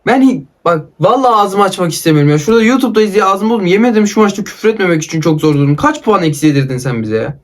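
High-voiced man ranting over gameplay. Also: animated, very fast, hardly any pauses. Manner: exasperated, ranting and swearing at the opponent; calls out player names in short bursts. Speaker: mobile football gaming YouTuber. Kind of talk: live gameplay commentary.

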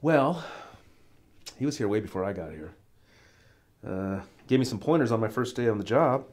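A man's voice: on the low side, lively intonation, normal speed, darkish tone. An actor playing a strict male teacher who talks in a casual, blunt, chatty way. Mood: reminiscing. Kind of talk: short film acting.

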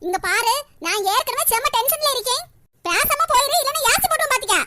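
A woman's voice: extremely high pitch, lively intonation, fairly quick, heavy background noise. Woman doing a snappish cartoon bride-to-be. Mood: irritable. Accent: Kanyakumari Tamil. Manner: snappish, curt. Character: tense irritable young bride-to-be sister.

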